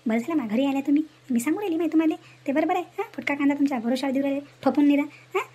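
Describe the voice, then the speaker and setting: A woman voices a gossipy, indignant village woman in an animated comedy cartoon, scolding and chatting in a rural Varhadi Maharashtrian accent and dialect. Her high, warm voice is rapid-fire and close to everyday speech, with slight background noise.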